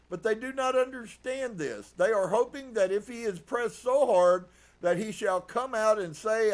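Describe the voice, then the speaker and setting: High-voiced preaching man. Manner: earnest, reflective, with soft laughs. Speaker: pastor. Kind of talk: preaching from a book reading. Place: live stream.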